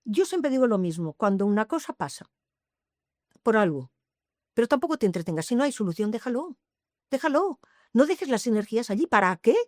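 A woman's voice: on the high side, sing-song, fairly quick, pauses often, no room sound, clean studio sound. A woman, telling her life story in an interview with emphatic repetitions. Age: 80s. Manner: emphatic, repeats phrases, swears to the listeners. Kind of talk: emotional personal storytelling.

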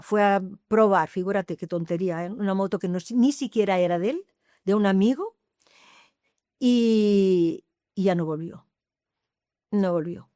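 A woman's voice: medium pitch, mellow, no room sound, studio quality. A woman, telling her life story in an interview with emphatic repetitions. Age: 80s. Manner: emphatic, repeats phrases, swears to the listeners. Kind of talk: emotional personal storytelling.

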